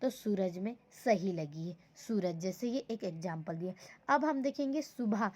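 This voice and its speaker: A woman's voice: mid-range voice, lively intonation, unhurried, a little mellow. A woman teaching an online Hindi lesson to young children, patiently repeating and breaking words into syllables. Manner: patient, repetitive, says "ठीक है" often, breaks words into syllables. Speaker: school teacher.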